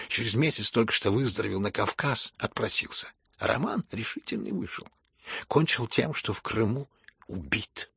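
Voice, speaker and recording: A man doing a rueful older gentleman. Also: fairly low pitch, vocal fry, breathy edge, dry recording, studio quality, exaggerated voice. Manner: confessional storytelling, stammering when flustered. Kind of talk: audiobook character voice.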